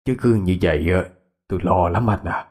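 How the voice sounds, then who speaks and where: A man voicing a grave older father who speaks in a measured, reassuring way, with a Southern Vietnamese accent. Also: sits low, darkish tone, breathy edge, pitched below the performer's own voice. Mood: worried.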